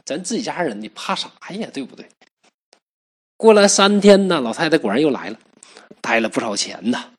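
A man retelling a classic tale in a chatty way, with asides to the listener. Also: medium pitch. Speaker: storyteller. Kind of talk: casual storytelling.

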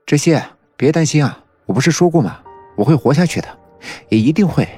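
A man's voice: sits high, animated, moderate pace, darkish tone, breathy edge, soft background music, pitched above the performer's own voice. A man narrator voicing a determined young friend who speaks firmly and encouragingly. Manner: firm, encouraging.

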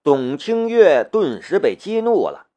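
A man reading a serialized novel aloud. His storytelling is expressive and animated, with a voice a bit higher than most men's. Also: a little slow. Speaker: audiobook narrator. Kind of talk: scripted novel narration.

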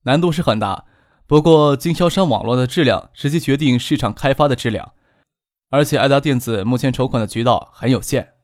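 A composed young businessman who lays out his plans patiently and steadily, as a male narrator reads him. The voice is dry and close to the mic. It sits at a medium pitch. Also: dry recording, close to an everyday voice. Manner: measured, composed, explaining.

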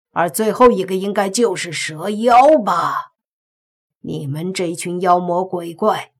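This is a self-righteous old Taoist priest, voiced by a woman in a storybook reading. He scolds loudly in lofty, archaic phrases, and his voice is husky and a little breathy. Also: lowish voice.

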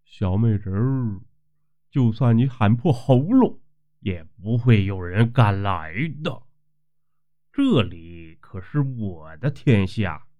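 A man's voice: mid-range voice, very animated, mellow. A man playing a leering old landlord. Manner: slow, oily and menacing. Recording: dull lo-fi recording.

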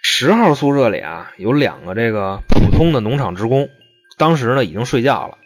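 A man's voice: medium pitch, very animated, normal speed, faint music behind. A man telling a true-crime story in a casual, slangy, profane way.

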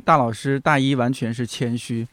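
A man's voice: medium pitch, fairly even intonation, normal speed, fairly bright tone, no room sound. A man in his thirties hosting a casual conversation and putting questions to his guest. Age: 30s. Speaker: podcast host.

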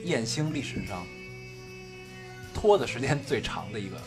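A man's voice: medium pitch, sing-song, moderate pace. A young man, co-hosting a podcast in casual chat about films. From mainland China. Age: young adult. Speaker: podcast co-host. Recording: guitar music behind the talk. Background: guitar music.

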